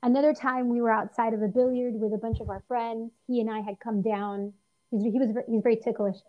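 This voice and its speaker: Earnest higher-voiced woman, lo-fi sound. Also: brisk. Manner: earnest, lively, frequent restarts and fillers. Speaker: interview guest. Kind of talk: personal storytelling in conversation.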